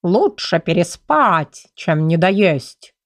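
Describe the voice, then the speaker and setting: Woman reading a lazy tomcat in an audiobook: low, slow, sulky drawl, dry sound. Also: big pitch swings, dry recording. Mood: grumbling. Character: grumpy lazy male house cat.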